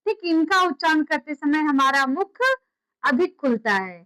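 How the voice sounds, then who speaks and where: A woman's voice: high voice, expressive, unhurried, sharp tone, low-quality recording. A woman teaching a class, repeating key terms and quizzing her students with questions. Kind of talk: classroom lecture.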